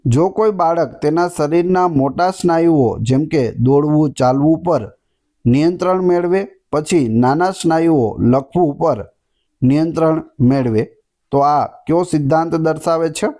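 Male exam tutor, reads questions then answers them, mellow tone, slightly high-pitched. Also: a little slow. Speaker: exam prep teacher.

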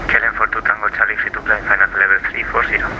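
A man working as an air traffic controller, heard over a radio channel, giving flat, measured instructions in clipped phraseology. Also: lowish voice. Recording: muffled radio with static hiss.

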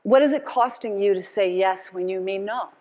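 This middle-aged woman speaks with a mid-range, darkish voice at normal speed, sounding like she's in a large hall. She's delivering a motivational keynote with call and response from an indoor conference stage to an audience, passionate and emphatic, repeating phrases like a preacher.

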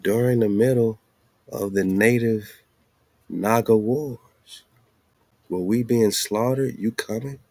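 Speaking slowly with long pauses, this man keeps a steady, dark tone on the low side of the range. As host, he offers informal, slangy commentary over maps and documents on screen, full of rhetorical questions and phrases repeated for emphasis. No echo is present.

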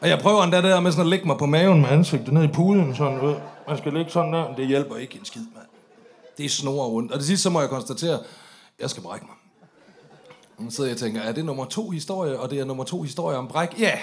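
A man performing a stand-up story on stage, swearing freely and acting out the drunk voices of the people in it. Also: on the high side. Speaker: comedian telling a story on stage.

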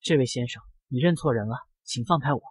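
A composed young woman, sharp-tongued and unshaken, voiced by a male narrator. The delivery is cool and mocking in a husky voice, recorded close. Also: medium pitch, fast, dry recording, pitched below the performer's own voice. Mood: cold. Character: cool-headed reborn young businesswoman.

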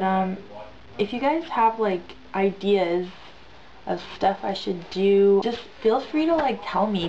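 With a warm, mid-range voice made congested by illness, a young woman vlogs casually to camera, wandering off topic, using slang and repeating herself for emphasis. She's indoors on a bed in a small bedroom, captured by a built-in camera mic at arm's length with dull lo-fi audio and light noise.

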